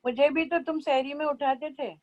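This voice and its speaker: A woman's voice: high voice, steady tone, normal speed, dull audio. A woman teaching a religious class over a video call, mixing in English phrases and acting out little scenes. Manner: mixes in English, acts out mothers' voices. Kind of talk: online religious class talk.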